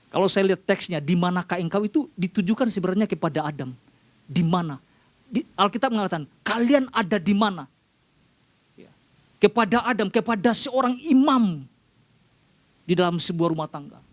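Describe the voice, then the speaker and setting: A man with an Indonesian accent preaching a sermon to a congregation, often calling out to them and rising sharply in pitch for emphasis. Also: expressive, moderate pace, pauses often, no echo.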